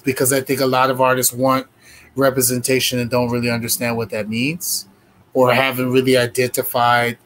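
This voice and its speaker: A man's voice: medium pitch, fairly bright tone, a little hiss or hum, poor audio. A man in his forties, a curator hosting a video-call interview, asking long, rambling questions in a friendly way. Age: 40s. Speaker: curator host.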